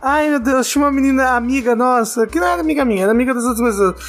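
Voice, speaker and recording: A woman's voice: high-pitched, racing. A woman with a Brazilian Portuguese accent, co-hosting a podcast in casual group chat. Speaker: podcast co-host.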